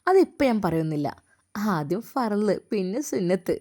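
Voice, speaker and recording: Lady doing a gentle devout young woman in a storybook, coaxing, kinda hushed, middle pitch. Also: very animated, moderate pace, close to an everyday voice.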